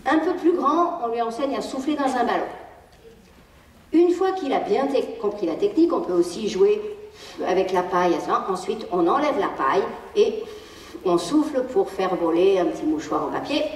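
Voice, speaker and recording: A woman with a French accent giving a live conference talk to an audience, lively and playful, acting out the lines she quotes. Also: medium pitch, moderate pace. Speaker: speaker giving a public lecture on child emotions. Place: lecture hall with audience. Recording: echoey hall, distant mic.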